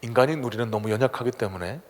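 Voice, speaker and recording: A male pastor preaching a dramatic sermon in a church, swinging between loud exhortation and hushed tones. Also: mid-range voice, racing. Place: church sanctuary. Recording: long church hall reverb.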